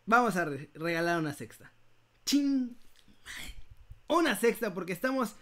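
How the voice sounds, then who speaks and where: A man with a Mexican accent hosting a casual live giveaway, speaking to viewers like a playful, animated prize announcer. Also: sits high, unhurried. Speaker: host of an online news channel running a live giveaway.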